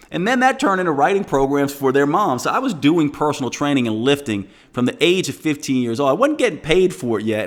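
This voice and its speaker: A man in his forties teaches fellow trainers, telling his story with energy and throwing rhetorical questions at his listeners. His voice sits at an ordinary middle pitch. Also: a bit bright. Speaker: fitness educator teaching trainers. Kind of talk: direct-to-camera teaching talk.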